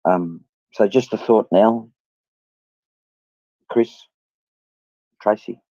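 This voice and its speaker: Slow, low man on dull audio. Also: no echo. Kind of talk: casual chat.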